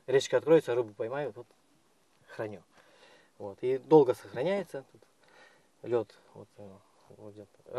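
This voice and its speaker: A man from Russia explaining his village home in a halting, casual way, with many fillers and repeated phrases, outdoors in the snow. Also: mid-range voice, dark tone, no room sound. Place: outdoors in a snowy village and in a cellar.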